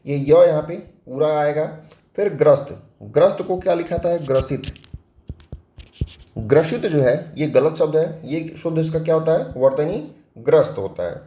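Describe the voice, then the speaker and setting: Hindi-accent guy teaching spelling, kinda high mellow voice, asks stuff then answers it himself, echoey room. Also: expressive, normal speed. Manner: explains step by step, asks and answers own questions. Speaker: exam-prep teacher. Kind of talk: spelling lesson for exam prep.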